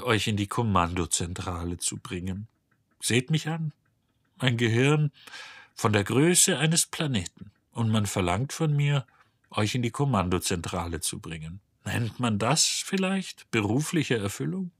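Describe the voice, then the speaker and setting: A male narrator voicing a deeply depressed, sarcastic male robot in an audiobook, husky and weary. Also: lively intonation, unhurried, a bit bright, no room sound, full character voice. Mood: gloomy. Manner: weary, sulking, mocking. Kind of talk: audiobook character voice.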